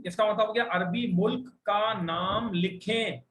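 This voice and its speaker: High-voiced Pakistani teacher drilling Arabic. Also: male voice, a bit bright. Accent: Pakistani Urdu. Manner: drills pronunciation slowly word by word, corrects students. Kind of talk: classroom language lesson, streamed online. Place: classroom. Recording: echoey classroom with faint background noise.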